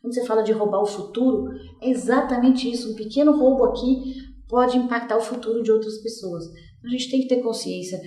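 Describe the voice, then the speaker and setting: A woman's voice: fairly high pitch, fairly quick, warm tone, echoey room. A woman who is a guest author and expert, explaining in an earnest, firm way in a studio interview.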